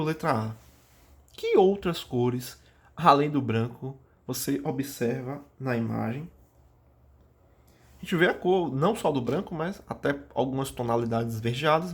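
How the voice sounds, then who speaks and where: A Brazilian man teaches a recorded class and works through exercise questions one by one, reading each aloud before answering. His voice sits at an ordinary middle pitch, and he talks to his students casually, with frequent restarts and fillers. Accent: Brazilian Portuguese. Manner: reads questions aloud then answers them, addressing students as "galera" and "pessoal". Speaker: geography teacher. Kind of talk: recorded online class review.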